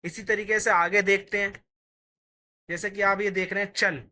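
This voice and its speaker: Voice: mid-range voice, flat delivery, normal speed, pushed and bright. A teacher giving a patient, step-by-step Urdu writing lesson, sounding out each letter while writing it.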